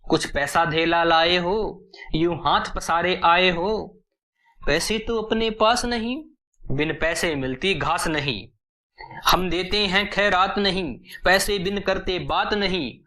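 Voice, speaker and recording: A man's voice: sits high, slow, sharp tone, exaggerated voice. A man reciting the lines of a greedy, scornful sweet-shop keeper who harshly scolds a poor child.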